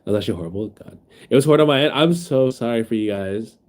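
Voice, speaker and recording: A man's voice: mid-range voice, lively intonation, rapid-fire, darkish tone. A sick, sniffling man streaming from his phone, rambling in casual chat with his viewers and reading their messages aloud. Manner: rambling, reads chat aloud, many fillers.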